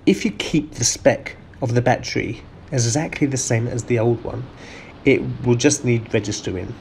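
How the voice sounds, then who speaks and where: A man's voice: mid-range voice, vocal fry, darkish tone, slight background noise. A man hosting a car channel, reading out viewer questions and answering each one with plain, methodical explanations.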